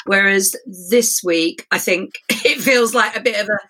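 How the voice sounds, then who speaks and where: Croaky, hoarse middle-aged woman. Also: mid-range voice, moderate pace, sharp tone. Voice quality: croaky, frog-in-the-throat voice. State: hoarse after illness. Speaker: podcast guest. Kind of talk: casual chat.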